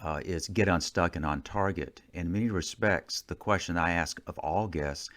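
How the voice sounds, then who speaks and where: A man hosting a podcast, asking his guest questions in a measured, deliberate way. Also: low voice, fairly bright tone. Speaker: podcast host. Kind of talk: interview questions.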